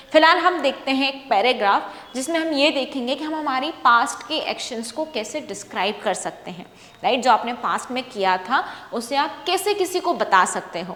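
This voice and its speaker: A woman teacher patiently explaining English sentences in Hindi, repeating each example slowly. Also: high-pitched, a bit bright. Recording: echoey room with long reverb.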